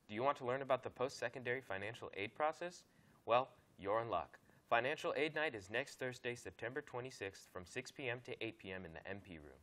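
A teenage student news anchor reading school announcements in an upbeat announcer style. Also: male voice, mid-range voice, sharp tone. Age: teens.

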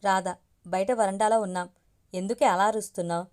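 A woman's voice: mid-range voice, fairly even intonation, brisk, a little mellow, natural voice. A woman as a scolding middle-aged mother. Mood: practical. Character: stern but loving middle-aged mother.

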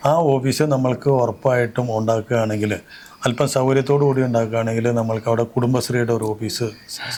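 A man answering interview questions as a local election candidate, earnest and measured, listing his plans point by point. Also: mid-range voice, flat delivery, darkish tone, slight background noise.

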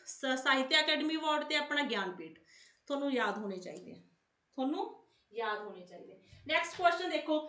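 A woman's voice: sits high, pushed and bright. An Indian Punjabi woman teaching a live quiz class, insistently repeating her prompts and coaxing or scolding pupils in a familiar, chatty way. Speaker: online exam coaching teacher. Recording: echoey room sound.

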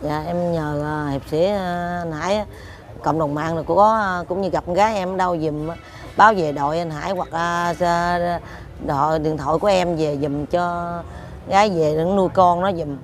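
An older woman with a Southern Vietnamese accent, being interviewed outdoors, speaking haltingly with many fillers and pleading. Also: on the low side, fairly even intonation, a little hiss or hum. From Tiền Giang, Vietnam. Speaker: interviewee, mother of a missing woman. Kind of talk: street interview. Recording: loud crowd behind.

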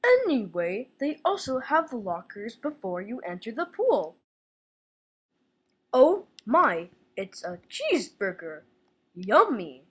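A woman's voice: on the high side, big pitch swings, takes it slowly, fairly bright tone, slightly rough, heavily acted. A woman voicing a fussy, prim male protocol droid who reviews a gym in a homemade toy video, often saying "oh my". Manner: prim, easily flustered, says "oh my".

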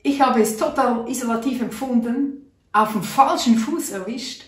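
A middle-aged Swiss woman who runs a natural health vlog sits at a table in a small room, telling a personal story to camera in an earnest, chatty way and acting out her own thoughts. Her voice is on the high side at normal speed, and the off-mic recording sounds roomy and distant.

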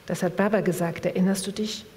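A woman's voice: on the low side, steady tone, quick pace, mellow, close to an everyday voice. A woman reading the lines of a smug, dismissive teenage boy mocking his younger sister, at a literary reading. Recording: long reverb of a hall.

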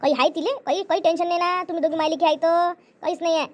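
Fast, high-voiced woman. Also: steady tone. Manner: chatty, repeats herself, reassuring and gossipy. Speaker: storyteller voicing family members. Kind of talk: conversational family skit.

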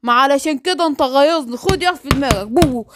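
A woman with an Egyptian Arabic accent voicing a bullying, gruff male tiger in a cartoon story. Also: high voice, racing, natural voice. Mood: taunting. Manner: gruff and taunting. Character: bullying male tiger who hits everyone. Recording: loud noise with clicks.

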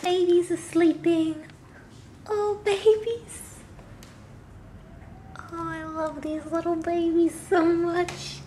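High-voiced woman cooing to her pets. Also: level tone, takes it slowly, pauses often, warm tone, a little hiss or hum. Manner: affectionate and giggly. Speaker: pet owner. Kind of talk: cooing baby talk to pets. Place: home.

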